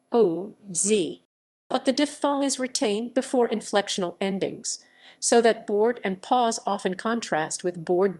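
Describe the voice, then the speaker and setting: A synthetic woman's voice reading an encyclopedia article aloud, with an even, literal delivery that spells out phonetic symbols letter by letter. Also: mid-range voice. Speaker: article reader.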